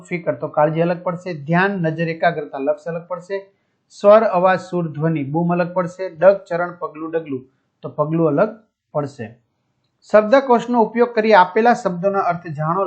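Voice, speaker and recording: Brief: male teacher, high voice, explains exercises step by step, dull lo-fi audio. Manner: explanatory, checks with listeners. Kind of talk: walking through textbook exercises. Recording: dull lo-fi sound.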